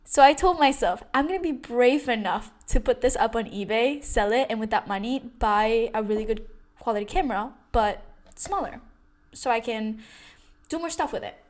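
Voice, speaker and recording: A young woman talks straight to her audience in a loose vlog storytelling style. Her voice sits a little high, and her chatty delivery is full of fillers and restarts. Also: normal speed. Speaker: vlogger. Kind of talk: casual storytelling.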